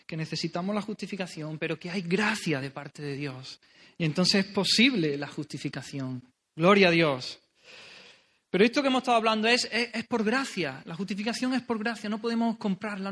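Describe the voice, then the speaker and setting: A man's voice: high-pitched, bright, forceful tone. A man preaching an earnest, pleading sermon, repeating phrases for emphasis.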